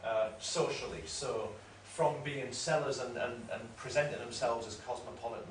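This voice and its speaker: Medium in pitch and fairly even in intonation, a man lectures academically at a normal speed, explaining at length and repeatedly correcting himself. The audio is roomy, taken from a distance, with faint noise.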